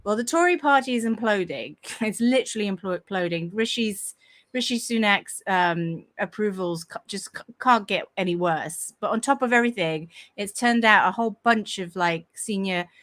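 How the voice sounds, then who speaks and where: Woman, croaky voice, casual podcast host, rambling chatty delivery, many fillers, recording at home. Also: medium pitch, moderate pace, fairly bright tone. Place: home room with a fan running.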